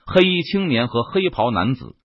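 A man narrates a fantasy novel in a dramatic, animated reading, his pitch leaping up on the battle passages. His voice is slightly husky. The recording is dull and lo-fi, with a dry, close sound. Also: moderate pace, dry recording. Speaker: audiobook narrator. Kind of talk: scripted web-novel narration.

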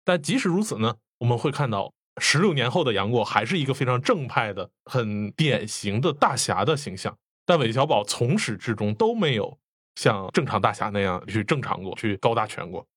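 Lively-voiced male interviewer. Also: mid-range voice, normal speed, breathy edge, no echo, studio quality. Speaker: interviewer host. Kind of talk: interview questions.

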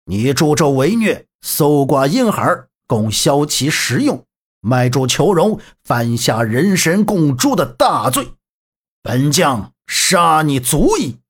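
Narrator playing a commanding general, low, slow and husky. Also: big pitch swings, full character voice. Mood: righteous. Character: stern righteous male general, commanding.

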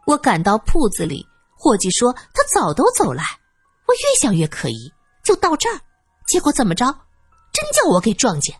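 A woman acting out a shrill middle-aged former dancer who wails and wheedles in a whining, theatrical voice, soaring high and swooping wildly. The voice is breathy and dry, close to the mic in an audio story. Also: wildly swooping pitch, normal speed, no room sound, faint music behind, heavily acted. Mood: gossipy. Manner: whining, melodramatic, shameless.

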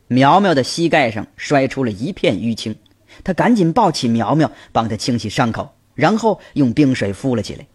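Husky-voiced male storyteller. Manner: lively storytelling, raising his pitch for quoted voices. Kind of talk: scripted narration with acted dialogue.

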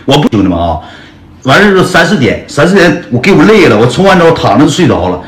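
A man with a fairly high, sing-song voice speaks quickly, casually rambling through a personal story full of slang and calling his listeners brothers. The recording has an echoey room sound with guitar music.

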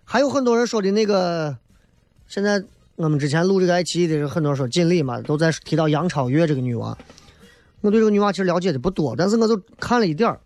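A man's voice: a little high, animated, quick pace, a little mellow, no echo. A man hosting a talk show, giving a casual comedic monologue in a colloquial, emphatic way, often tossing in rhetorical questions.

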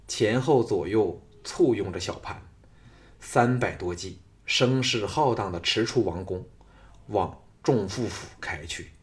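A man narrating a martial arts novel as an audiobook in a steady, measured storytelling voice. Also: lowish voice.

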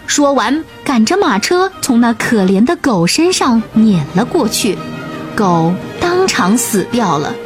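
A woman narrating a children's bedtime story, gentle, clear and expressive. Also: fairly high pitch, a little slow. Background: soft music.

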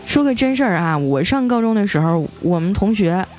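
A woman's voice: medium pitch, lively intonation, brisk, a little mellow, faint music behind. A woman hosting a comedy podcast, reading out listener jokes in a playful, teasing way and putting on voices for the characters. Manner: playful, teasing, self-mocking, laughs often; acts out quoted characters with shifting voices.

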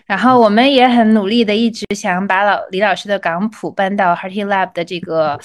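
Woman hosting a casual chat, medium pitch. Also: fairly even intonation, fairly quick. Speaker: livestream host.

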